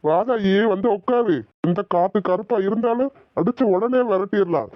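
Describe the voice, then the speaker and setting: Cartoon village priest, male, woman-voiced, calm and wry, dull lo-fi dry sound. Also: mid-range voice, normal speed, dry recording, lightly acted. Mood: soothing. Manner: soothing, sarcastic asides. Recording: dull lo-fi recording.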